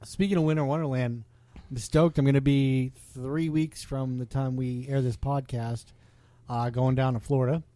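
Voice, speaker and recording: Excitable laughing podcast host, dry sound. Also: male voice, mid-range voice, moderate pace, no room sound. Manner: laughs often, excitable, trails off. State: has the hiccups. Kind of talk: casual podcast chat.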